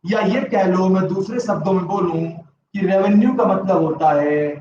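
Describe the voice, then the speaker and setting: Here a high-pitched, somewhat mellow male voice talks at a normal pace. It belongs to a man with a sore throat giving a live online economics lecture, sprinkling English terms through it and quizzing students with yes-or-no questions. Sound quality is echoey, far off and slightly muffled.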